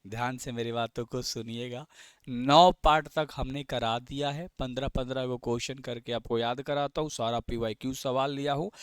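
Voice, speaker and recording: A man's voice: mid-range voice, smooth, no room sound, clean studio sound. A man teaching exam vocabulary, often asking the students questions and then answering for them.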